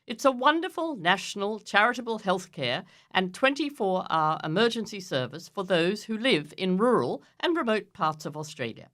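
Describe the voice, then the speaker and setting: An older woman hosting a community radio interview, speaking gently with frequent pauses and fillers. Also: medium pitch, sing-song. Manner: gentle, halting with many fillers. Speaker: radio host.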